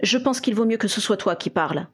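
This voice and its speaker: A man's voice: high voice, lively intonation, fairly quick, fairly bright tone, husky, heavily acted. A woman reading aloud and voicing a wary, calculating wizard investigator advising his partner.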